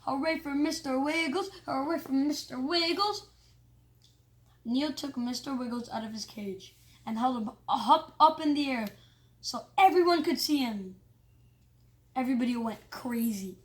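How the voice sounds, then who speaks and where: In a high voice, a reader works through a kids' story with plenty of animation, though the reading is halting and dotted with small stumbles.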